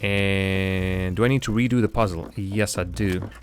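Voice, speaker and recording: A man giving casual, halting game commentary, thinking aloud and poking fun at himself, and speaking as a language. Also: low-pitched, fairly even intonation, slight background noise. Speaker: host of a game playthrough stream. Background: game music.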